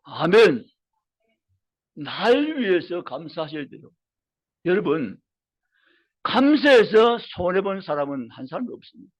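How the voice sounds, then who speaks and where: A male pastor in full sermon, with a high voice that swoops up and down as he drives home each point. He repeats key phrases with mounting emphasis and calls out to his listeners. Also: big pitch swings, a little slow, pauses often. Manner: storytelling with acted quotes, rising emphatic appeals.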